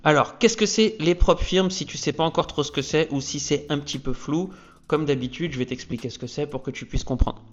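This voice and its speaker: A man's voice: a little high, fairly quick, a little hiss or hum. Upbeat man explaining, slightly dull audio. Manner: energetic, peppers lines with "ok?". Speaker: trading youtuber. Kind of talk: casual explainer talk to camera.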